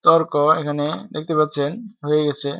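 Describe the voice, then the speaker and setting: A man's voice: on the high side, level tone, fairly quick, pushed and bright, clear, resonant tone, dry recording. A man gives a screen-recorded typing tutorial, explaining step by step and spelling out keys letter by letter. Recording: dry, dull lo-fi home recording.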